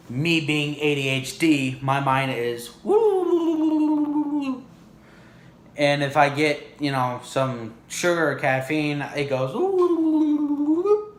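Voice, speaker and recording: A man's voice: mid-range voice, reverberant. A man vlogging in a casual, rambling monologue, full of "you know" and "like".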